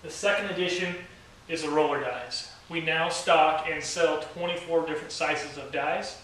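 A young company owner demos a product to camera in a garage workshop with dry, wry humor. His voice is on the high side and fairly bright at normal speed, picked up by a camera mic across the room, so it sounds distant and very echoey with a little hiss or hum.

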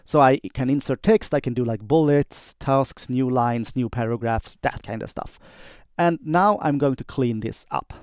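Male software demonstrator dictating in short phrases; clean, smooth voice, mid pitch, dry close sound. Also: normal speed, no echo. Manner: dictating in short clipped phrases, speaking punctuation and commands aloud. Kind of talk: dictating text and voice commands.

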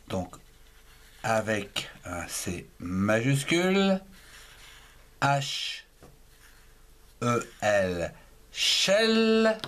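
A man's voice: medium pitch, fairly bright tone. A man with a French accent teaching a handwriting lesson, spelling words out one letter and syllable at a time.

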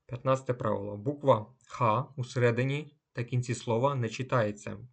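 A man teaching pronunciation rules, talking slowly and deliberately, with a pause after each word and example. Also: medium pitch, fairly even intonation, creaky, breathy edge. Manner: slow and deliberate, pausing between words and examples. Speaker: language teacher. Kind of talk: instructional explanation of German pronunciation rules.

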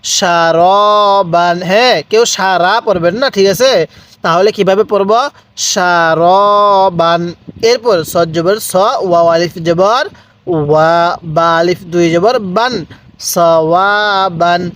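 A Bangladeshi Bengali-accented man teaching Quran reading, spelling letters out and then stretching each word slowly for students to repeat. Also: high-pitched. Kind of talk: step-by-step reading lesson.

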